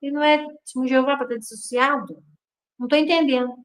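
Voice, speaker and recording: Woman, from Brazil, casual storytelling, animated, quotes dialogue in her telling, higher voice. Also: very fast, low-quality recording.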